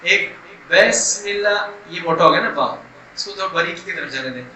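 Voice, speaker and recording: A middle-aged man, teaching Quran recitation and stretching sounds slowly to demonstrate them. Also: fairly high pitch, bright, forceful tone. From Pakistan. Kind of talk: recitation lesson. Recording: echoey room, distant mic, faint noise.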